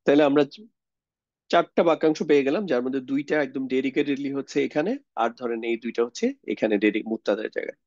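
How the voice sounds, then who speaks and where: A man's voice: mid-range voice, fast talker, darkish tone, no echo, dull audio. A young man teaches a grammar lesson, explaining step by step, mixing in English words and asking rhetorical questions. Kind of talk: lecture on Arabic grammar.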